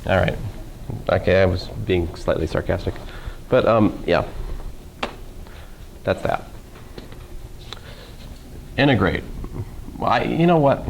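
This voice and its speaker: Dry, sarcastic male math lecturer, gravelly. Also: on the low side, a little hiss or hum, low-quality recording. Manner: casual, dry sarcastic humor, talks through steps with questions to students. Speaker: math professor. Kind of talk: classroom lecture. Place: lecture classroom.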